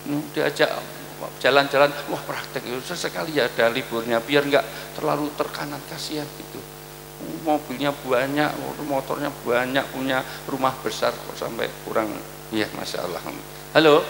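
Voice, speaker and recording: A man's voice: fairly high pitch, slight background noise. A man giving a humorous sermon to hospital staff, joking and acting out scenes. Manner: joking, animated, acts out angry shouting. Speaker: preacher. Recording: echoey hall with long reverb.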